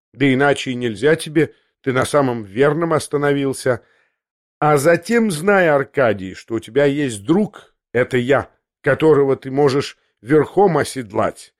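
A man's voice: on the high side, no room sound, clean studio sound. A man voicing a crude, pushy young schemer who talks in a brash, coaxing and sneering way in an audiobook reading.

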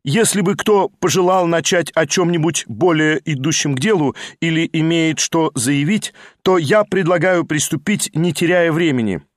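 A man voicing a creaky-voiced, pedantic male chairman speaking formally, in an audiobook reading. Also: fairly high pitch, moderate pace, hardly any pauses, no echo, clean studio sound, voice pushed up, lightly acted. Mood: procedural. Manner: formal, procedural.

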